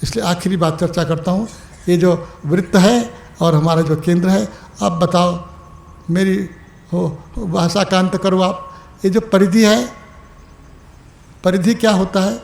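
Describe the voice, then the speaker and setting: A man giving an evening spiritual discourse as a teacher, calling his listeners "my dear" and "my brother", moving between rising exhortation and soft, slowed asides. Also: sits high, fairly even intonation, gravelly, echoey room.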